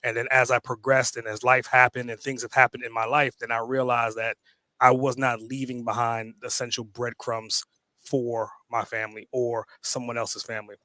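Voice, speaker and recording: A man's voice: mid-range voice, little pitch movement, normal speed, pushed and bright, no room sound. A man from Trinidad and Tobago, a podcast guest speaking in a casual interview, often repeating words as he starts a sentence.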